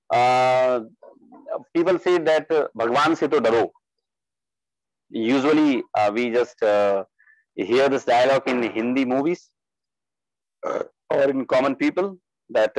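Guy teaching a study group, halting w lots of uhs, dry sound. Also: medium pitch, no echo, poor audio. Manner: halting, many fillers, asks the group questions. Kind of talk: religious study class talk.

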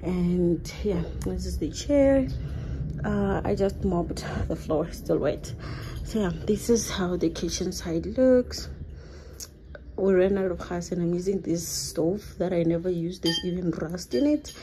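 A woman's voice: lowish voice, a little slow, dark tone, a little hiss or hum. A young woman, chatting casually to the camera at home while doing chores. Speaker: vlogger and mother. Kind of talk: casual home vlog chat.

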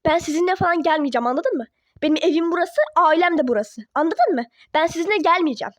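A woman's voice: very high voice, lively intonation, fast talker, dry recording. A woman voicing a defiant teenage girl who argues with her parents in a toy-app role-play drama. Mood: pleading. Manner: indignant, argumentative.

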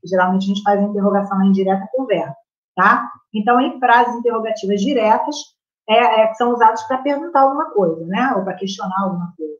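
A woman's voice: medium pitch, fast talker. A Brazilian Portuguese-accented woman teaches a live grammar class. She talks in a chatty way and keeps checking in with her students. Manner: chatty, checks in with the class by constantly asking "right?". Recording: roomy, slightly muffled room sound.

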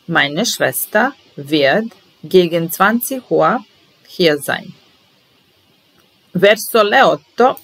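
Slow, patient woman teaching language. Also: deep voice, vocal fry, fairly bright tone, rough recording. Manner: patient, measured, enunciating each phrase slowly. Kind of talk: slow bilingual lesson, repeating phrases.

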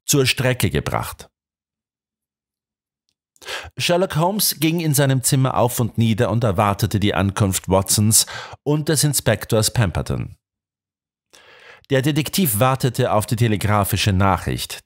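A man narrating a detective audiobook in a dramatic, expressive storytelling manner. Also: on the low side.

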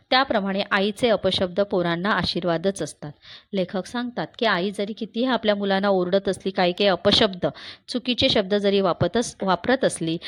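A woman teacher reading a story aloud and explaining it, asking herself rhetorical questions as she goes. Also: mid-range voice.

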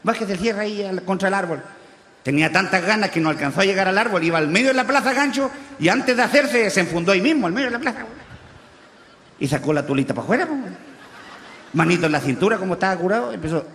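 A man playing a crude, rowdy rural Chilean huaso in a stand-up character monologue, speaking with a Chilean accent, full of coarse slang and shouted punchlines. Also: high-pitched, animated, quick pace, a little hiss or hum. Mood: boastful. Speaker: comedian in character. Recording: live stage with long reverb.

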